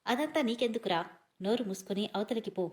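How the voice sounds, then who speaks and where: A woman's voice: a little high, fairly quick, close to an everyday voice. A woman voicing a spoiled, hot-tempered young woman who snaps and sulks in a storybook reading. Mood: angry. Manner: snappish and sulky.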